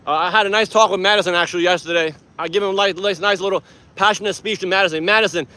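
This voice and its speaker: A man's voice: high voice, fairly even intonation, racing, pushed and bright. A tired man in his forties, from Iran, vlogging casually outdoors on a city street as an activist, rambling and laughing often. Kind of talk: casual vlog to camera.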